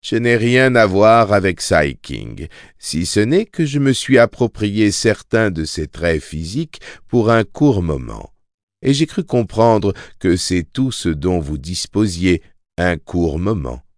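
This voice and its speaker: A detached, aloof arbiter lays out his terms, as a male narrator puts him on. He speaks slowly and measuredly in a lowish voice. The audiobook sound is dry and close. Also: sing-song, dry recording, exaggerated voice. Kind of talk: audiobook character reading.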